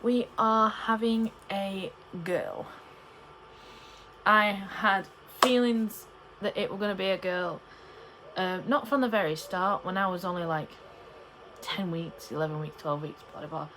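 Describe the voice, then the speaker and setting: Young woman, slightly low pitch, chatty rambling vlogger delivery, some background noise. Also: steady tone, moderate pace, a bit bright, low-quality recording. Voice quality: cannot pronounce P in the middle of words. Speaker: pregnancy vlogger. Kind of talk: casual chat to camera.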